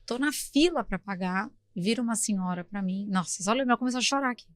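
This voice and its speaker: Woman, middle-aged, from Brazil, chatty podcast guest, lively storytelling, dry close sound. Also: mid-range voice, fairly quick, no room sound.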